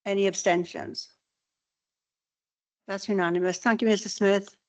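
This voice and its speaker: A woman chairing a formal council meeting, briskly procedural, calling votes and speakers. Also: mid-range voice, fairly even intonation. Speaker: meeting chair, presiding member.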